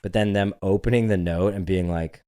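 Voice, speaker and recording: Deep-voiced man telling a rowdy story. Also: brisk, clean tone. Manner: animated, profane storyteller who acts out dialogue. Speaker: podcast co-host. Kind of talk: casual storytelling chat.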